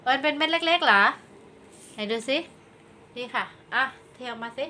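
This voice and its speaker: A woman's voice: high voice, moderate pace, pushed and bright. A woman casually chatting with young children as she hosts a tasting, playfully prompting them with questions, exclamations and little sing-song fanfares. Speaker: host guiding children through a candy tasting. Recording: clear background noise.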